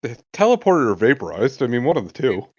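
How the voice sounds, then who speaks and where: A man's voice: medium pitch, very animated, quick pace, darkish tone, slightly rough, no room sound. A man playing a tabletop game, cracking dry jokes in casual chat. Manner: joking, dry quips. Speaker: player. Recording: dull lo-fi voice chat mic.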